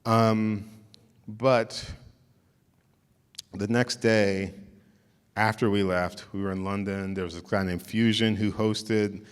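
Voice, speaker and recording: Deep voiced guy telling stories at an art talk, lots of "like", big echoey hall. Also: steady tone, slow, long pauses, clear, resonant tone. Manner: informal, restarts often, says "like" a lot. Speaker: visiting artist giving a talk. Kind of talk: storytelling lecture to an audience.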